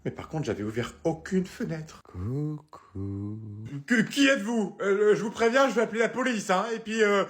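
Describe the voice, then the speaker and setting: A man voicing a flustered, chatty middle-aged mother in a comedy sketch, shrill and rambling. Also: sing-song, unhurried, hardly any pauses, warm tone.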